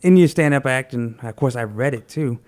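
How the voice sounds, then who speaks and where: A man from Tennessee hosting a casual talk show, chatting in a rambling, animated way with many restarts. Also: medium pitch, a little fast. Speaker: podcast host. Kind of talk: casual chat.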